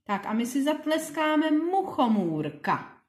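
A woman's voice: mid-range voice, lively intonation. A woman teaching young children, reciting riddles in a sing-song way and clapping out the syllables of words. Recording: echoey room.

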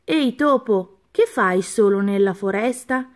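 A woman's voice: medium pitch, unhurried, close to an everyday voice. A woman voicing a sly, greedy female snake in a storybook reading, with a wheedling way of talking.

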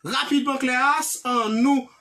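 A woman with a Haitian accent teaches English vocabulary online, mixing English, French and Creole. She repeats each word slowly and checks in often with "ok?". Her voice is high-pitched and fairly bright, with fairly even intonation.

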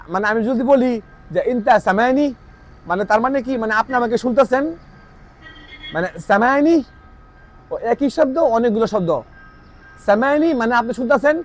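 Guy with a high voice, teaching a language lesson casually, repeats stuff, keeps asking if you get it. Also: poor audio. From Bangladesh. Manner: explanatory, repetitive, asks listeners if they follow. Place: outdoors in a town.

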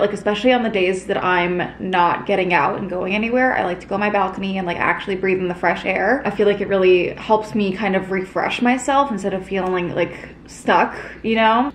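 Młoda kobieta z Kanady nagrywa swobodny vlog w domu i mówi do kamery pogodnie i z wieloma wtrąceniami. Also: female voice, medium pitch, echoey room, slight background noise. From Canada. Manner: chatty, upbeat, many "like" fillers. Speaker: vlogger. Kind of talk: casual vlog chat to camera. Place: apartment at home.

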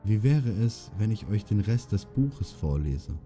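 A man's voice: lowish voice, sing-song, unhurried, mellow, faint music behind, pitched above the performer's own voice. A man voicing an earnest, grieving young king in an audiobook, speaking in a subdued way.

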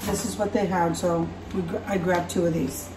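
Speaking at a normal speed in a lowish voice, this vlogger walks through her grocery haul in her home kitchen, chatty and relaxed and often correcting herself. There's background noise, and the camera sits far off across the counter, leaving the kitchen echoey.

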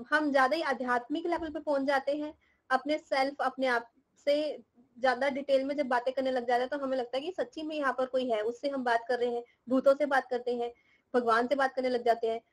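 A woman's voice: high voice, steady tone, fairly quick, poor audio. A young woman teaching a class, explaining terms, teasing and scolding her students with questions and laughing often. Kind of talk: live class lecture in Hindi mixed with English.

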